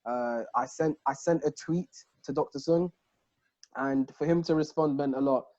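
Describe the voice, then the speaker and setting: A man hosting an interview in a casual, excitable way, often restarting his sentences. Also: fairly high pitch, normal speed, muffled recording. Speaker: host.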